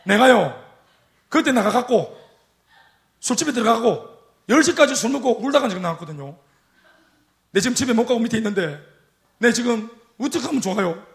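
A man's voice: very high voice, expressive, a little fast, vocal fry, long pauses, pitched above the performer's own voice, heavily acted. A pastor quoting a tearful young man who begs for forgiveness. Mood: pleading. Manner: pleading, dialect speech.

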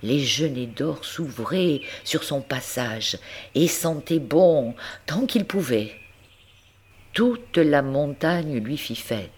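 A woman reading a classic story aloud, gentle and expressive, speaking to the listener. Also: low-pitched, takes it slowly, a little hiss or hum. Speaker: audiobook reader. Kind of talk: storytelling narration.

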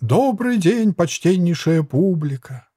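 A man voicing a sad wooden puppet clown, talking in a squeaky, mournful voice. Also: big pitch swings, slow pace, warm tone, breathy edge, no echo, studio quality, exaggerated voice.

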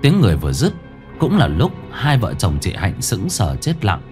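A man narrating a ghost story in a slow, dramatic way, dropping to a hush at eerie moments. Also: on the low side, huge pitch swings. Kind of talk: scripted horror story narration. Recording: narration over faint music.

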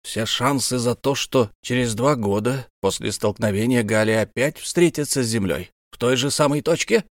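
A man voicing an earnest young male navy lieutenant who asks measured, probing questions in an audiobook. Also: mid-range voice, no room sound, clean studio sound, close to an everyday voice.

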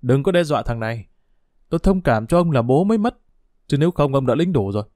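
A man voicing a sly, stubborn village dog thief who taunts and scorns in quick, rough speech. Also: mid-range voice, very animated, a little mellow, dry recording, clean studio sound, natural voice. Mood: scornful, taunting.

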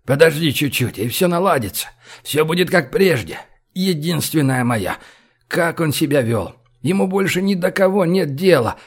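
A man's voice: on the high side, lively intonation, normal speed. A man reading an audiobook, voicing a domineering male leader who barks orders, then coaxes the woman he loves. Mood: coaxing. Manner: gruff commands, then soft coaxing. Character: domineering middle-aged male leader, brutal yet doting.

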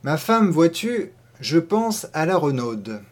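A man voicing a slow, ponderous old peasant farmer in a storybook reading. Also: a little high, sing-song, pitched above the performer's own voice, full character voice. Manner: slow and deliberate. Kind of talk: audiobook character voice.

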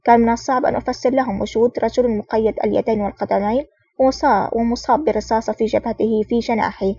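A woman reading the lines of a stern, terse male secret agent in a curt, commanding manner, in a fast, flat reading voice. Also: a little high, breathy edge. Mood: serious. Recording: dull, distant, dry recording.

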